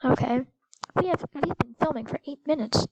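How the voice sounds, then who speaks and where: High-voiced female gamer, dry sound. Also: normal speed, no room sound, rough recording. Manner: excitable, explains the game rules to a friend. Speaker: gameplay video host. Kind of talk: casual gameplay chat.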